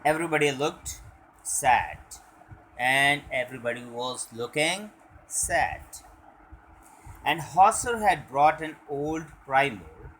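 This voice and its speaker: A young man teaching, reading a story aloud and then explaining it line by line, with halting explanations full of fillers. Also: mid-range voice, animated, a bit bright, a little hiss or hum, poor audio.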